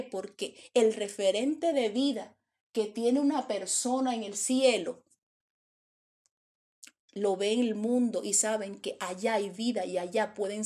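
A woman preaches a sermon through dramatic storytelling, acting out the characters' voices. Her voice is fairly high-pitched and a little mellow.

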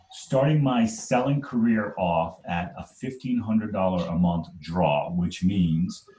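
Recorded roughly in a roomy space, a man in his forties from Trinidad tells his life story to an interviewer. His voice is on the low side and darkish, and his delivery is earnest and emphatic, peppered with "right?".

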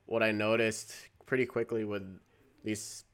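A man's voice: lowish voice, completely flat delivery, a little slow, a bit bright, smooth. A man co-hosting a podcast in casual chat, rambling, trailing off mid-sentence and laughing often. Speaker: podcast co-host.

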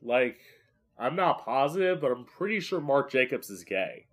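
A man's voice: mid-range voice, sing-song, normal speed, a bit bright. A man who hosts a podcast as a drag queen, rambling solo in a campy, profane, self-mocking way. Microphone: podcast microphone, live streamed.

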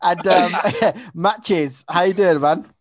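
A man's voice: sits high, slow pace, dry recording, studio quality. Chatty man hosting a podcast. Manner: upbeat, chatty, filler-heavy. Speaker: podcast host. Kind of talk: casual podcast chat.

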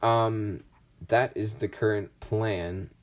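A man's voice: fairly low pitch, fairly even intonation, takes it slowly. A young adult man as a podcast guest, chatting casually with a rambling, joking manner. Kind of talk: casual chat.

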